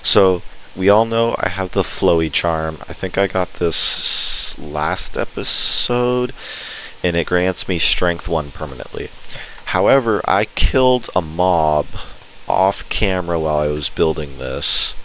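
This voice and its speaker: A man with a deep voice talks viewers through a game in a casual, informal way. He sounds enthusiastic as he explains things. There is audible noise in the recording behind him. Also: a little slow, fairly bright tone, rough recording. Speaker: video host. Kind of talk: casual gameplay walkthrough commentary. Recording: clear background noise.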